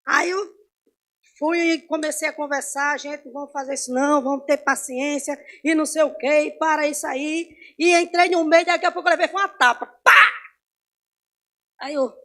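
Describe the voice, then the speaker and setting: Woman, high voice, chatty Bible class teacher who quizzes her class. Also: steady tone, a little fast. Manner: conversational, asks the class questions, swings between loud and soft. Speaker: Sunday school Bible teacher. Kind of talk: informal Bible class teaching with personal stories. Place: church.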